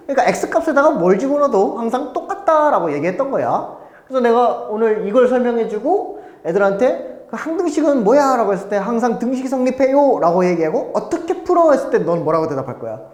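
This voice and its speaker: 생동감 있게 말하는 남자 수학 강사, 울리는 교실. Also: male voice. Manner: chatty, animated, mimics students in high squeaky voices. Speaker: math tutor. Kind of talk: casual classroom lecture. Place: classroom. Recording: echoey classroom.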